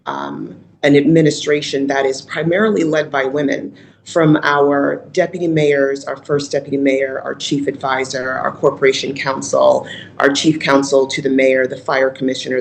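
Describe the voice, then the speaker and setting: A woman from Rochester, New York, giving an earnest, measured and reflective talk as a guest speaker at a virtual conference. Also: very deep voice, slight background noise, poor audio. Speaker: guest speaker, mayor's chief of staff. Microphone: video call.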